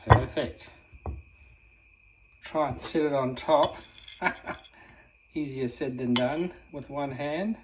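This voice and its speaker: A man, casually talking himself through cooking and gardening in a home vlog, relaxed and full of fillers. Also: mid-range voice, drawn-out words, pauses often, background noise. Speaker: vlogger, home gardener and cook. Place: home kitchen and vegetable garden.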